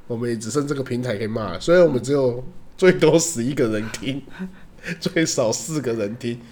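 A young man, co-hosting a podcast in relaxed, teasing casual chat. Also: mid-range voice, a little fast. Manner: teasing, laid-back, laughs often. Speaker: podcast co-host.

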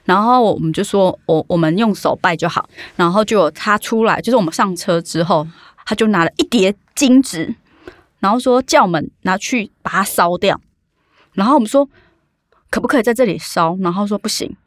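A woman with a Taiwanese Mandarin accent, telling an animated, vivid story in a casual podcast chat. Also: mid-range voice, moderate pace, no echo, clean studio sound. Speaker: podcast co-host.

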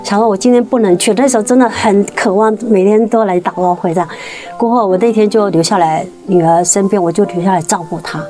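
A woman tells her faith testimony in an earnest, halting way, restarting and repeating words and climbing higher when the story gets tense. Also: warm tone, soft background music. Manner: rises sharply in pitch at tense moments. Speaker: guest sharing a faith testimony. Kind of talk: emotional personal storytelling.

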